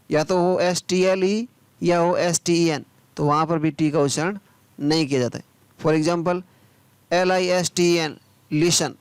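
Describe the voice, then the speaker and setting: A man teaching English pronunciation. He spells each word out letter by letter, then says it slowly, and asks the viewer questions that he answers himself. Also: on the high side, clean tone, dry recording. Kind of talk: spoken English pronunciation lesson.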